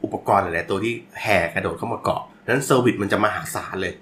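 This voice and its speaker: A man's voice: fairly low pitch, fast talker, fairly bright tone, slight background noise. A man, a network expert guest, explaining technology in casual podcast chat, loose and joking. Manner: explains with casual swearing and laughs.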